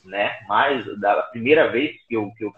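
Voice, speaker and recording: Man, heard over a call line, tinny phone-like sound, echoey, halting speech. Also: lowish voice. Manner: halting, repeats words often. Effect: heard over an internet call line. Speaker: interview guest. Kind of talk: casual personal story. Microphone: remote call device.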